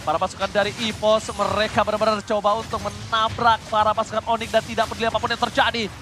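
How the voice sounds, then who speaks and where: A man commentating a live game tournament like a fighting game announcer, with drawn-out shouted calls. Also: high-pitched, completely flat delivery, music in the background. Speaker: esports shoutcaster.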